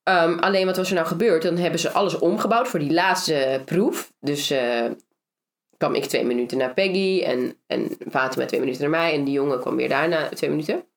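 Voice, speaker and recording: A woman from the Netherlands, a guest in a casual interview, telling her story in a lively way with many fillers. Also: deep voice, brisk. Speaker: interview guest, former reality show finalist. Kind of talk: casual conversation.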